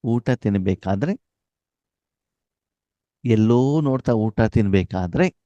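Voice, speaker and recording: Low, mellow-voiced male spiritual teacher. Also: animated, slow, no echo, dull audio. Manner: asks questions for the audience to complete; mixes Hindi phrases into his talk. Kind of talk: spiritual class.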